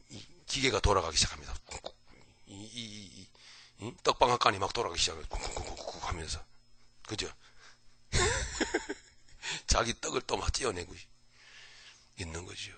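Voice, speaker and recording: Man preaching a morning bible talk, swings from shouts to whispers, keeps asking "right?", dry close sound. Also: fairly low pitch, normal speed, creaky, long pauses, husky, no room sound. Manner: animated, mimics people with sudden loud outbursts and whispers; folksy, asks listeners "right?" often. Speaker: pastor. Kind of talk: early morning Bible lecture.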